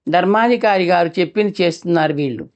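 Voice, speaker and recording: A woman's voice: on the low side, lively intonation, quick pace, darkish tone, lo-fi sound. A woman voicing an aging village father who is grieving and resigned, in an audiobook.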